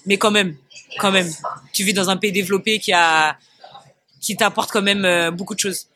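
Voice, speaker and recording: Athlete guest: high, bright man, reflective and unhurried, casual interview talk. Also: fairly even intonation, no room sound. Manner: thoughtful, searching for words.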